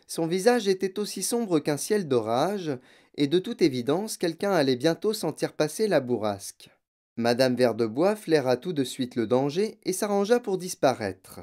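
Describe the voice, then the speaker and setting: A man reading a children's novel aloud as an audiobook, in measured, expressive narration. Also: a little high. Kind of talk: scripted narration.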